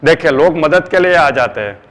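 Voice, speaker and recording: An animated middle-aged man, Indian-accented, gives an earnest motivational seminar talk in a slightly high, bit-bright voice at a moderate pace. He keeps calling his listeners friends and uses English phrases along the way. The hall adds long reverb.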